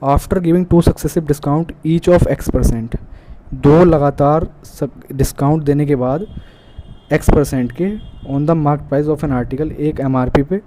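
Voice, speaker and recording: Speaking slowly and steadily in a fairly high pitch, this Indian-accented math tutor leads an exam-prep lesson. He solves each problem step by step, slipping English math terms into his explanations, over faint background noise.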